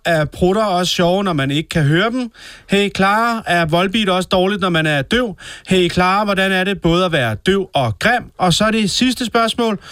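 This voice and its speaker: A man's voice: high-pitched, fairly bright tone, smooth, no room sound, studio quality. A man playing a smug tactless woman radio host. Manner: patronizing, slow and deliberate. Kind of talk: sketch comedy.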